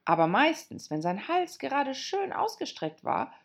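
A woman reading a storybook aloud as an audiobook narrator, in a lively, expressive way. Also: high-pitched, measured pace, gravelly.

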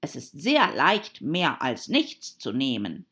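A woman's voice: a bass voice, wildly swooping pitch, a bit bright, breathy edge, exaggerated voice. A woman playing a gloomy, quarrelsome hatter. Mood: smug. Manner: slow, emphatic, sighing. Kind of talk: audiobook character voice.

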